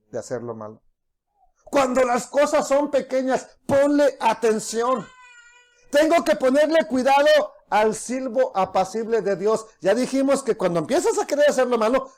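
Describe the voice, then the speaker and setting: Earnest male preacher. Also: very high-pitched. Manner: earnest preaching with frequent restarts, acts out soft quoted voices. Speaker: pastor. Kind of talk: sermon.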